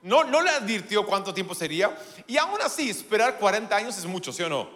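A man preaching a sermon in an animated, playful way, with self-deprecating humor. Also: high voice, brisk, long reverb tail.

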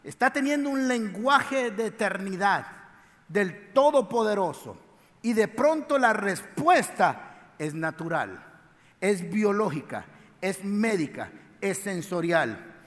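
A man preaching a sermon, telling the story in a lively, colloquial way full of slang. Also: high voice, slow pace. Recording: echoey hall.

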